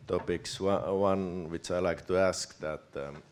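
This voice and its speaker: A man from Finland, asking a question from the audience at a panel, halting and restarting his phrases. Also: deep voice, steady tone, darkish tone, a little hiss or hum. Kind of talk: question from the floor.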